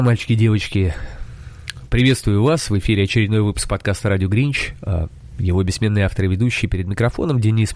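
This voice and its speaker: A man's voice: fairly low pitch, darkish tone, no room sound. A man from Russia hosting a solo podcast, talking in a conversational, reflective and hesitant way. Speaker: podcast author and host.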